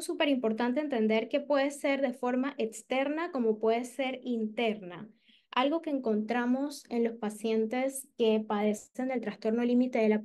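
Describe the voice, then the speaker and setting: A woman's voice: fairly high pitch, darkish tone. A woman psychologist giving a clinical lecture, explaining step by step and voicing patients' thoughts in first person, with frequent "eh" fillers. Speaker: clinical psychologist teaching a session.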